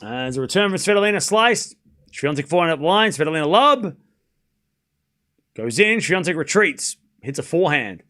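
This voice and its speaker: A man with a hoarse smoker's rasp, giving casual live tennis commentary and chatting informally with viewers, often repeating scores and phrases. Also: on the high side, very animated, moderate pace, pushed and bright. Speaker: host of a live tennis watchalong.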